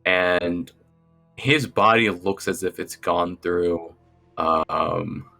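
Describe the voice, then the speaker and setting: A man narrating a tabletop game as game master, relaxed and hesitant with fillers. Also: low-pitched, very slow, gravelly, faint music behind.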